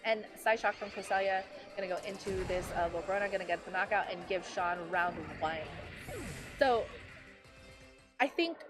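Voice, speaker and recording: A woman's voice: mid-range voice, music in the background. A woman giving live play-by-play commentary on a competitive game, chatty and full of fillers, tired and losing her voice. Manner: chatty, filler-heavy, quick self-corrections. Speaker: esports commentator.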